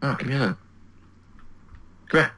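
A Welsh man joking excitably as a let's play co-host. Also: measured pace. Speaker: gamer co-host. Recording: roomy echo.

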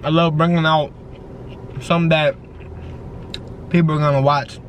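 A young man chats to his viewers while chewing a mouthful of food, his words loose and slangy with plenty of "um"s. He sits in a car, and a steady air-conditioning hum runs clearly under his voice. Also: on the high side, normal speed. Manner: loose slang-heavy talk to viewers, fillers. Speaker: YouTuber. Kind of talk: casual mukbang vlog chat. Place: parked car. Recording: noisy car interior with AC hum.

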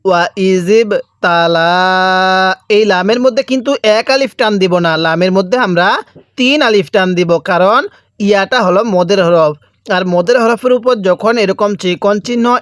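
A man teaching Quran reading, drawing out each recited phrase slowly and then explaining pronunciation in plain speech, with a Bangladeshi Bengali accent. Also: high-pitched, dry recording, studio quality. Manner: drawn-out chanted recitation between plain explanations. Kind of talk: slow recitation lesson with repeat-after-me drills.

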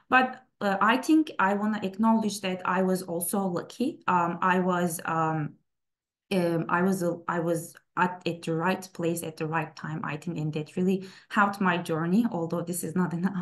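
A woman in her thirties from Turkey, a native Turkish speaker, giving a webinar talk about her path into plant science, with many fillers and restarts. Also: fairly low pitch. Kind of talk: presentation talk over slides.

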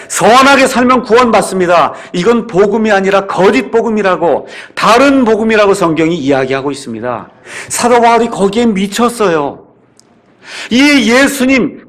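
A man preaching a sermon as pastor, emphatic and repetitive, with rhetorical questions to his congregation. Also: high voice. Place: church sanctuary.

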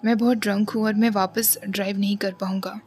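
A woman's voice: mid-range voice, flat delivery, fairly quick, darkish tone, soft background music, lightly acted. A woman voicing a brooding, bossy young man who keeps pressing and coaxing in a storybook reading.

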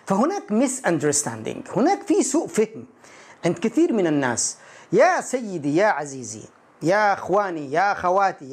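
A man's voice: high-pitched, slightly rough. A man teaching an online English lesson, lecturing emphatically and speaking straight to his viewers.

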